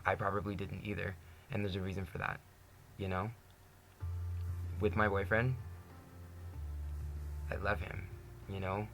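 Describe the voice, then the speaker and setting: Low gravelly young man talking candidly. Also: flat delivery, measured pace, long pauses, fairly bright tone, soft background music. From Canada. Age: 20s. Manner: earnest, candid, says "you know" constantly, laughs often. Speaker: vlogger. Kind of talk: personal monologue to camera.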